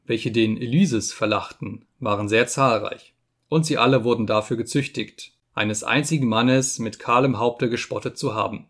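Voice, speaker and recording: A man's voice: medium pitch, close to an everyday voice. A man voicing a furious old friar who rants and quotes scripture, in an audiobook reading. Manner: ranting, quoting scripture.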